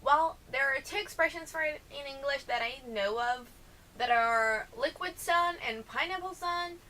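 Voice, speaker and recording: A woman's voice: high-pitched, moderate pace, bright, forceful tone, slight background noise. A woman with a Brazilian accent, a native Portuguese speaker, chatting casually through questions she reads out and answers, with hesitant self-corrections and rambling asides.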